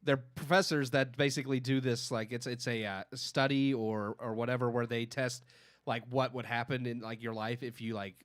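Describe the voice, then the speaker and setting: A man's voice: mid-range voice, fairly even intonation, moderate pace, no echo. A man co-hosting a casual podcast chat, rambling through his points with lots of fillers. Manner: rambling, many fillers and restarts. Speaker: podcast co-host.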